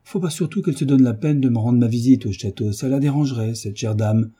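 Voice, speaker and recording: A man with a husky, dark voice voicing a jovial, folksy old noblewoman. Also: medium pitch, a little fast, lightly acted. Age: older. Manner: folksy, familiar, rambling. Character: homely, jovial old female marquise.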